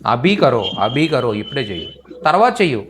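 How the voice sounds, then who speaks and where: A man's voice: medium pitch, big pitch swings, normal speed, slight background noise. A man teaching in a live online language class, repeating each phrase patiently for students. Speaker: Hindi teacher.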